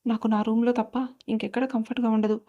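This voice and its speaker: A woman's voice: on the high side, flat delivery, quick pace, dull audio, lightly acted. A woman voicing a stern, bossy young man who gives curt, scolding orders.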